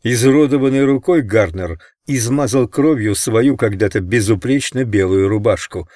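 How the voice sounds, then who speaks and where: A man reading an audiobook as narrator in a measured, steady way. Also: medium pitch, no echo, studio quality. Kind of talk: scripted narration.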